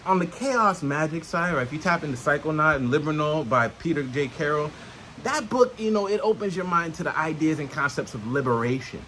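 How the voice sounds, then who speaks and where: A self-help vlogger in a natural outdoor setting talks to camera in an unscripted, casual way. His voice is on the high side, expressive, brisk, and bright, with a forceful tone and slight background noise. Swearing often and using street slang, he teaches while punctuating points with checking questions to the listener.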